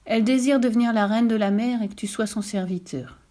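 A timid old fisherman talks meekly and hesitantly, anxious to please, as a woman reading a storybook puts him on. The voice stays close to an everyday reading tone, soft and humble. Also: on the high side, a little fast, lightly acted. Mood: stammering. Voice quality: meek, hesitant.

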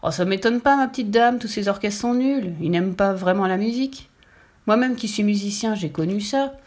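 A woman's voice: medium pitch, brisk, darkish tone, natural voice. A woman voicing Douglas, a friendly male dog who works as a waiter and plays music, talking in a familiar, sympathetic way.

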